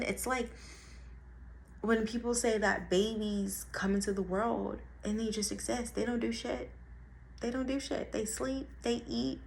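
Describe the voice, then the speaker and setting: A young woman talks straight to the camera in a casual motivational monologue. She is blunt and profane and hammers her points home by repeating them. Her voice swings between quiet asides and loud bursts. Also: a little high, gravelly, slight background noise. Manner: blunt and profane, with emphatic repetition. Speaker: vlogger.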